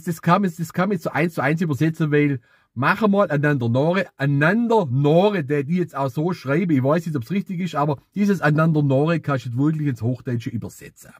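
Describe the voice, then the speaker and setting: A man with a Swabian accent giving a casual, humorous dialect lesson, speaking in a playful, expressive, chatty manner. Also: on the high side, brisk, husky, no echo, studio quality. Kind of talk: casual comedic explainer to camera.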